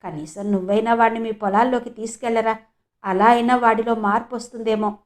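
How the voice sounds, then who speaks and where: A woman's voice: a little high, steady tone, brisk, natural voice. A woman voicing a middle-aged village mother who speaks in a sorrowful, beseeching way in an audiobook. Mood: pleading.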